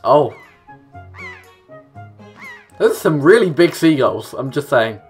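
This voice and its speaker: Reading game text aloud and tossing in offhand remarks, this young man gives relaxed let's play commentary in an animated, mid-range voice at a slow pace. Game music with plucked guitar plays in the small home room where he sits.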